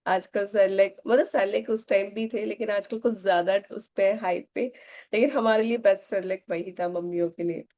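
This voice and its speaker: A woman hosting a guided gratitude practice, speaking slow, soft, emotional affirmations. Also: mid-range voice, steady tone. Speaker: self-help video host.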